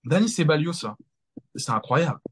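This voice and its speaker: A man's voice: a little high, big pitch swings, moderate pace, husky. A man, a sports journalist, co-hosting a casual football debrief, enthusiastic and emphatic, often repeating his key words.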